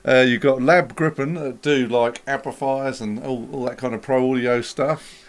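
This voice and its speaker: A man's voice: mid-range voice, fairly even intonation, moderate pace. A man co-hosting a casual gear chat, explaining things steadily, with many ums. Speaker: co-host.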